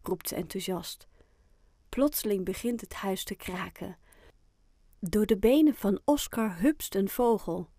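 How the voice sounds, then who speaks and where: A woman reads a children's storybook aloud in a gentle, clear storytelling voice. She takes her time, with an unhurried pace. The recording is close and dry, with no room sound. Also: medium pitch, no room sound. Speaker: narrator. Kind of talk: children's audiobook reading.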